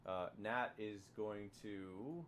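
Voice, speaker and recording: A man narrating as dungeon master, talking in a halting way with many fillers and restarts. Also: on the low side, fairly bright tone. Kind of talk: narrating a tabletop game.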